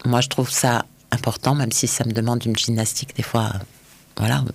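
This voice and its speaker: A man's voice: mid-range voice, level tone, a little fast, vocal fry, dry recording. A man from France, a restaurant chef, answering interview questions in a thoughtful, hesitant way with many fillers.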